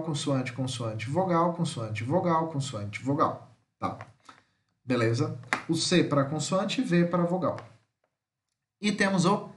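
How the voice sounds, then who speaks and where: A man's voice: a little high, roomy sound. A man, an English teacher, explaining a vocabulary lesson step by step and checking in with his students often.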